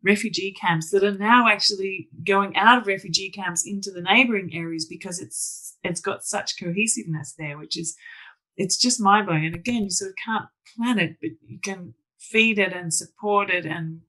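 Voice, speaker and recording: A woman's voice: mid-range voice, normal speed, sharp tone, low-quality recording. A woman hosting a podcast interview, talking enthusiastically in long rambling sentences full of restarts. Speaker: podcast host. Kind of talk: conversational interview.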